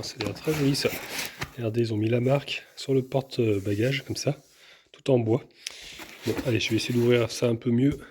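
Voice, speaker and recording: A man's voice: medium pitch, a little mellow, a little hiss or hum. A man casually talking viewers through an unboxing, enthusiastic and chatty, with lots of fillers and repeated words. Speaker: vlogger unboxing an e-bike.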